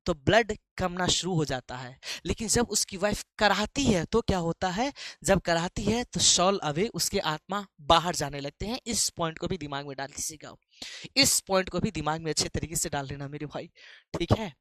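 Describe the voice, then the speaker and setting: A man's voice: high voice, lively intonation, normal speed, a bit bright, no echo. A man teaching an English poem in a live online class, chatty and playful, calling students "beta".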